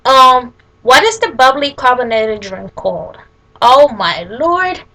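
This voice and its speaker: A woman with a Liberian accent talks in a casual, informal way. Her voice is bright and fairly high, and she takes her time, often stopping to rephrase as she answers questions for a vlog. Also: lively intonation. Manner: informal, halting, with self-corrections mid-sentence.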